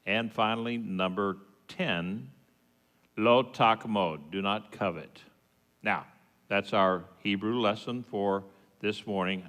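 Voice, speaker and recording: Male preacher, West Texas twang, folksy and halting, unhurried delivery, big reverberant hall. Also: fairly low pitch, fairly even intonation, a bit bright. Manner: folksy, halting, plain-spoken asides. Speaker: congregation teacher giving the sermon. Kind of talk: informal teaching sermon with scripture readings. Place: reverberant hall at a worship service.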